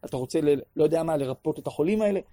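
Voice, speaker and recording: Animated man teaching a class. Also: fairly high pitch, no echo. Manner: animated, acts out prayers aloud, sometimes shouting. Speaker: religious teacher. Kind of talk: lecture on prayer to a class.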